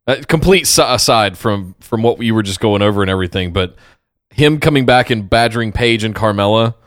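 A man's voice: fairly low pitch, animated, fairly quick, fairly bright tone, dry recording, studio quality. A man co-hosting a podcast, jumping eagerly into a casual talk about wrestling. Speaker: podcast co-host.

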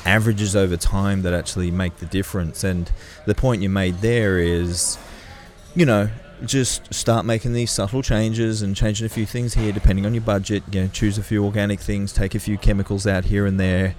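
A man's voice: lowish voice, steady tone, normal speed, a little mellow. A man hosting a podcast, summing up keenly and stumbling over his words with repeated restarts. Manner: enthusiastic, stammering restarts. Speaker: podcast host. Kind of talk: casual podcast interview.

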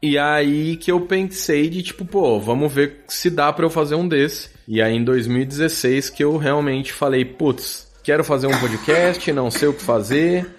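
A man with a Brazilian accent, an audio drama producer, chats informally as a guest in a conversational podcast interview, using slang and a joking touch. His voice is fairly high, his speed normal, with few pauses.

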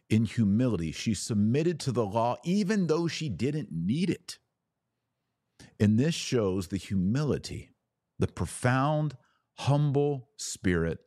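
On his podcast, a man gives a devotional talk on theology, stressing words deliberately and leaving pauses for effect. The fairly low, slightly mellow voice is captured at studio quality with no echo.

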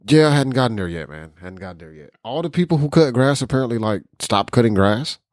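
A man's voice: mid-range voice, expressive, fast talker, darkish tone, no room sound, clean studio sound. A man co-hosting a casual tech podcast, laid-back and rambling. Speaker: podcast co-host. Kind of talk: casual chat.

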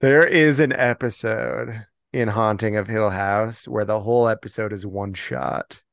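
A man's voice: on the low side, animated, measured pace, gravelly, no room sound. A man co-hosting a podcast in casual chat, rambling from topic to topic and laughing often. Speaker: podcast co-host.

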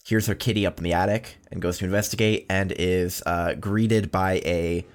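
A man co-hosting a casual film podcast, recapping the plot in a relaxed way. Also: deep voice, normal speed. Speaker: podcast co-host.

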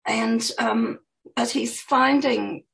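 A woman's voice: a little high, steady tone, takes it slowly, vocal fry, fairly bright tone, low-quality recording. A woman author talking about her book and reading from it in a chatty, hesitant way. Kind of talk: interview answers and reading aloud.

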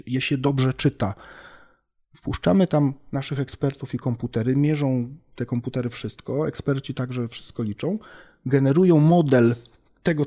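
A man with a dark, mellow voice talks through his research in a relaxed podcast chat. He explains with simple everyday examples and pauses to think with fillers. His pitch sits in an ordinary middle range. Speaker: language researcher guest. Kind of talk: casual expert conversation.

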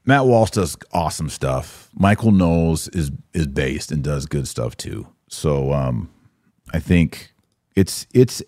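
An American man hosts a live podcast, chatting casually in informal, slangy talk as he responds to listener comments. His voice is extremely low with a darkish tone, recorded at studio quality with no echo.

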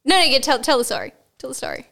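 A woman's voice: sits high, wildly swooping pitch, racing, vocal fry, bright, forceful tone. A woman co-hosting a casual chat, teasing and prompting her friend with frequent laughter.

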